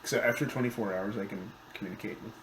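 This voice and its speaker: A man's voice: lowish voice, steady tone, fast talker, a bit bright, roomy sound, slight background noise, poor audio. A man playing in a tabletop game, casual and full of questions. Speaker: player.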